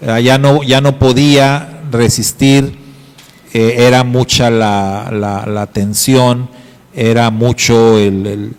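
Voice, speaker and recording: A middle-aged pastor preaching in an unhurried, deliberate way, pausing and restarting as he searches for words. His delivery is earnest and emphatic. A long hall reverb trails after each phrase. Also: mid-range voice, level tone, clean tone. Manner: earnest, emphatic storytelling with frequent hesitations. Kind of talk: sermon. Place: congregation hall.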